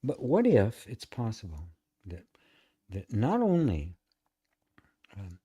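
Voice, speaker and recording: A man's voice: fairly low pitch, wildly swooping pitch, slow pace, mellow, husky, dry recording, clean studio sound. A man teaching emotional tapping on a live stream, frank and sometimes profane, acting out inner voices as he talks.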